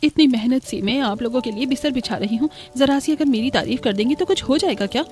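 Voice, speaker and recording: A woman's voice: high-pitched, fast, a little mellow, faint music behind. A woman voicing a complaining, exasperated daughter-in-law in a Hindi cartoon. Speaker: voice actor for several characters.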